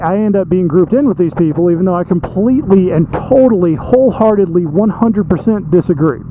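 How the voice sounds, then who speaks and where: Guy motovlogging inside his helmet, kinda high voice, rambly and emphatic, tinny audio w/ engine noise. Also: lively intonation, a little fast. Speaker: motovlog host. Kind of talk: casual opinionated monologue while riding a motorcycle. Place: outdoors riding a motorcycle, voice inside a helmet. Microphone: microphone inside a motorcycle helmet. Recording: muffled helmet mic, thin band, loud engine and road noise.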